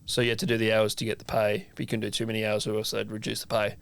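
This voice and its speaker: A man's voice: fairly low pitch, monotone, rapid-fire, gravelly, clear, resonant tone, dry recording. An Australian man, a chef and podcast co-host, chatting casually and animatedly acting out both sides of a conversation, with frequent swearing. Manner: swears freely. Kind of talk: casual chat.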